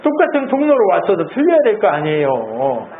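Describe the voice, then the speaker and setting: A male pastor preaching a sermon in an animated, conversational way, asking the congregation lots of questions. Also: high voice, brisk. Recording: tinny phone-like sound, faint hiss.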